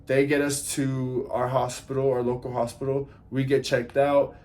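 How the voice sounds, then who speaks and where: In a laid-back storytime vlog, a man earnestly relays what happened, performing people's lines and frequently turning to speak to his audience. His voice is mid-range and his pace moderate.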